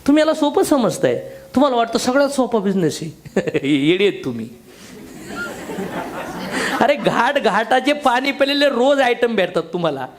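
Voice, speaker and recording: A man's voice: extremely high pitch, very animated, normal speed. A man giving a motivational business seminar talk to a live audience, blunt and slangy, joking and firing questions at the crowd.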